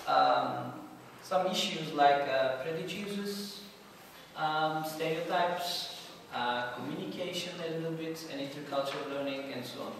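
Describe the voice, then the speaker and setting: A man's voice: on the high side, sing-song, a little slow, fairly bright tone. Male trainer in echoey hall. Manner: informal, joking, loose phrasing. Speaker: workshop trainer. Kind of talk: leading a group workshop. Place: large echoey hall with a group. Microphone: far camera mic. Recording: echoey hall from far off, noisy.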